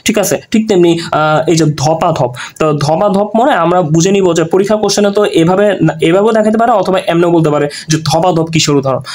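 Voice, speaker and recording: A man's voice: fairly high pitch, a little mellow. A man teaching an exam-prep grammar lesson, explaining through repeated examples and frequent check-ins.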